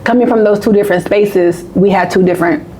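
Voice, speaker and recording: A woman's voice: medium pitch, fast talker, dark tone, a little hiss or hum, poor audio. A woman in her late twenties or thirties, co-hosting a podcast in candid, emphatic casual conversation. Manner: candid, emphatic, repeats phrases. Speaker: podcast co-host.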